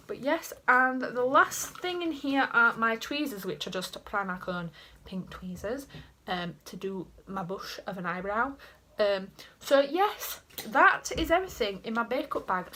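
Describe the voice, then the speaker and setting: A young beauty vlogger with a Yorkshire accent chats casually to camera in her small bedroom, rambling and making self-mocking asides. Her voice is on the high side and sharp, with lively intonation at a moderate pace. The camera sits in front of her at desk height.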